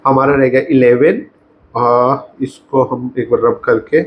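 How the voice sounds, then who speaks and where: A man explains grammar in a slow, repetitive teaching manner, drilling example sentences one by one. His voice sits at an ordinary middle pitch. A faint hum of room noise stays under the recording. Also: steady tone, muffled recording. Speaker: English teacher.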